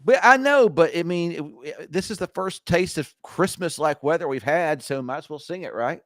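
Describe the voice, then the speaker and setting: A man's voice: a little high, animated, normal speed, fairly bright tone, no room sound, studio quality. A middle-aged man hosting a live weather show, rambling easygoing in a groggy morning voice. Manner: rambling, restarts and fillers, easygoing. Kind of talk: casual live weather chat. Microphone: video call screen share.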